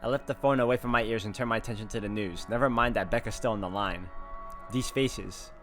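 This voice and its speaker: With game music playing behind him, a man doing a let's play reads visual novel narration aloud and throws in his own spontaneous reactions. His voice sits on the low side, brisk and fairly bright.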